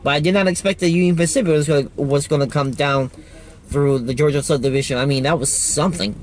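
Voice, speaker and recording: A man vlogging trackside outdoors on a handheld phone, gushing and excitable. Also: on the high side, fast, a little hiss or hum. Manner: excitable, gushing, loud whoops. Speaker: railfan vlogger. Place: outdoors by a railroad line near a store lot.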